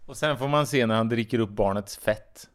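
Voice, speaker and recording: Dry-witted male co-host. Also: mid-range voice. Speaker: podcast co-host. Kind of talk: casual film chat.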